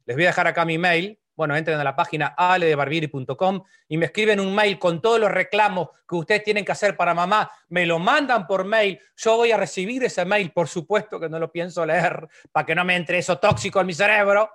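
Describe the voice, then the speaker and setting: A middle-aged man with a Uruguayan Spanish accent, a psychologist giving an online motivational talk with humor, playful, jumping from loud, high complaining voices down to soft, near-whispered lines. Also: brisk, few pauses.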